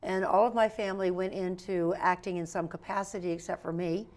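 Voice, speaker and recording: A woman guest in an interview, chatting in a playful, animated storytelling way. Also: on the low side, fairly quick. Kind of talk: lively interview chat.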